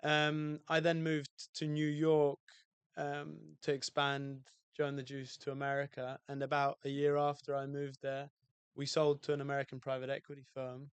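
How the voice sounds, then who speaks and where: A man's voice: on the high side, completely flat delivery, normal speed, clean tone, dry recording. A man with a British accent from outside London, telling his story as a podcast guest in a loose, easygoing way with lots of fillers. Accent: British English. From England, outside London. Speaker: guest, hotel owner. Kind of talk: relaxed podcast interview.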